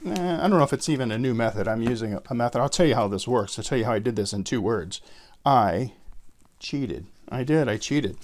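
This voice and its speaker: A man with a mid-pitched voice delivers card magician patter in a casual, conversational way. He explains like a tutor and speaks directly to the listener, as if guiding spectators through a trick. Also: darkish tone. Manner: conversational, addresses viewers and imagined spectators directly.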